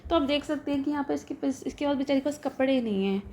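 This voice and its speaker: A young Indian woman teaches a story line by line, reading the English slowly and then talking it through. Her voice sits fairly high but sounds mellow, with a gravelly fry at the ends of phrases and a faint hiss underneath. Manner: switches between reading English text slowly and explaining in Hindi. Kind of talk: line-by-line lesson explanation.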